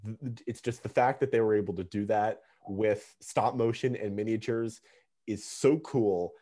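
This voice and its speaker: A man co-hosting a casual movie podcast, enthusiastic and quick to laugh. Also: on the low side. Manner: enthusiastic, animated, laughs often. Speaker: podcast co-host.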